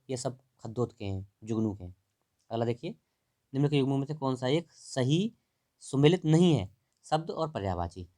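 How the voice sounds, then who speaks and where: A man's voice: medium pitch, a little mellow. Man talking through exam answers. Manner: explains and corrects answers step by step, asks students to answer. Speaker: teacher.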